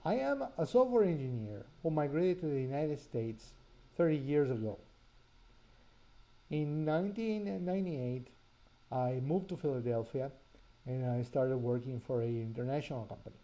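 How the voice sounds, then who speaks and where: In a language lesson, an author who presents the course shares a personal story in a dark, mid-range voice with a Spanish accent. He comes across as an earnest storyteller who pauses with fillers, and the audio quality is poor.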